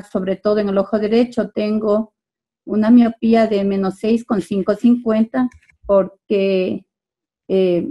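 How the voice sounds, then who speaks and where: An Ecuadorian woman speaking up on a video call. Her voice is dark and mellow, at a middle pitch. She talks with many hesitant pauses. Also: highs cut off. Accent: Ecuadorian Spanish. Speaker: optometrist asking a question in a webinar.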